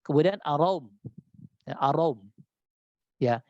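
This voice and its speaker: Man, Quran recitation teacher, online class, chants verses slowly, explains quickly, muffled dry sound. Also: on the high side, warm tone, no room sound.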